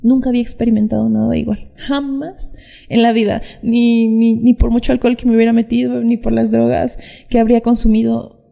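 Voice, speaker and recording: Speaking outdoors into her camera's mic, a young woman shares her personal story with earnest emotion, sometimes voicing the words of others. Her high-leaning voice is creaky and dark, fairly quick, with little pitch movement, and it sounds as if she's in a large hall.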